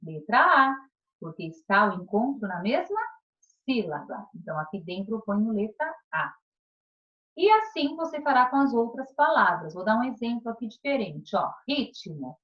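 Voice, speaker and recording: A woman teacher with a Brazilian Portuguese accent leads a recorded class for young pupils. Her fairly high voice swoops up and down as she asks questions and checks that everyone follows. The sound is dull and lo-fi. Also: very animated, normal speed. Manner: patient, questioning, checks in with "tá?" and "combinado?". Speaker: primary school teacher. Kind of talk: recorded remote class lesson.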